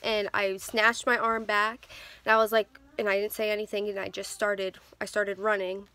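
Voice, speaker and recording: Sitting in a car, a woman in her twenties vlogs into her phone camera, telling stories candidly with plenty of ums and restarts. Her voice is medium in pitch and level, with a sharp edge, and she speaks at a normal speed.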